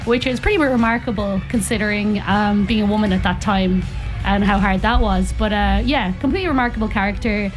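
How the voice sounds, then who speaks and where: A woman's voice: medium pitch, fairly quick, soft background music. Young woman with a Dublin accent. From Ireland, grew up in North County Dublin. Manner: chatty, many ums and uhs. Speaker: circus performer guest. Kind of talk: casual radio interview. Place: live radio broadcast on location.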